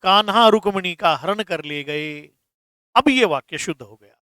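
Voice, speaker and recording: A man's voice: sits high, animated, bright, forceful tone, clear, resonant tone, dry recording. A man teaching Hindi grammar in a patient lesson, repeating terms and addressing students fondly. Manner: explains slowly, repeats terms, calls students "beta". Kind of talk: classroom lesson.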